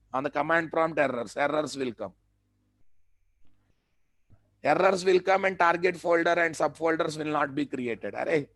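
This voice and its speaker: A man's voice: fairly high pitch, dry recording. A man with an Indian accent teaching a live technical class, repeating phrases and posing questions that he answers himself. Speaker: software training instructor.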